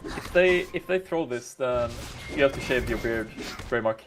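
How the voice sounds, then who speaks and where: Analytical male esports caster, mid-pitched. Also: animated, moderate pace, noisy background. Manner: analytical, with teasing jabs at co-casters. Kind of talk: live esports commentary. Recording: game music clearly behind the voice.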